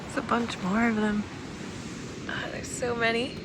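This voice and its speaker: A woman's voice: on the high side, little pitch movement, measured pace. A woman hosting a vlog, talking casually as she narrates, in a noisy on-location recording. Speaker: vlog host.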